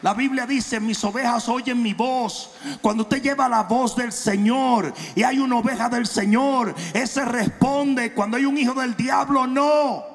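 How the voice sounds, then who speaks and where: A man delivers a confrontational, humorous sermon as pastor, slowing down and shouting to hammer key points and dropping in English phrases. His voice sits high and gravelly. Long reverb from a large church hall trails his words. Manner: challenging, confrontational preaching with humor.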